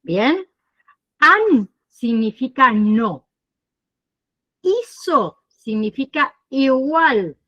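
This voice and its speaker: A woman instructor teaching an online nursing class, explaining slowly and often pausing to check that students follow. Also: sits high, sing-song, sharp tone, dull audio. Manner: explains slowly, checks understanding with frequent "¿sí?" and "¿bien?".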